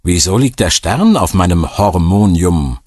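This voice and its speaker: A man reading an audiobook voices a suspicious, sharp-tongued woman who pries into everything, lifting his deep, husky voice higher for her. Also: lively intonation, measured pace, no room sound, clean studio sound, exaggerated voice. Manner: suspicious and prying, sometimes delighted.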